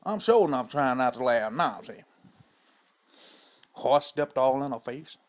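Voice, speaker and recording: Mid-range and animated, the voice is unhurried and lightly acted as a man performs a stand-up character piece. He plays a crude old Southern man with tall tales to tell, rambling wryly in a profane drawl and asking "you know" and "see?" again and again.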